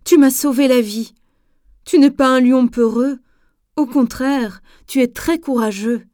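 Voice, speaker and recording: Woman doing a lively little forest creature. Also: sits high, unhurried, no room sound, clean studio sound, pitched above the performer's own voice. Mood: grateful. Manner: bright, eager, reassuring. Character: lively small female forest animal, kind friend.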